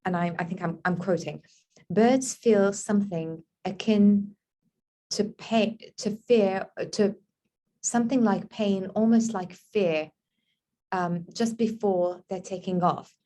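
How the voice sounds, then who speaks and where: A woman from Lebanon, an author, answering reader questions in a book club interview over a video call. She talks in a reflective, musing way with soft fillers and breaks into moments of wonder. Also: medium pitch, slow. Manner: bursts of wonder and excitement.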